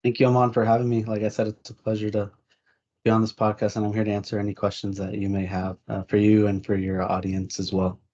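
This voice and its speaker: A man's voice: lowish voice, quick pace. A young man from Texas and Mexico, an engineering student, answering interview questions casually with fillers. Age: young adult. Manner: relaxed, rambling with fillers. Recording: dull lo-fi sound.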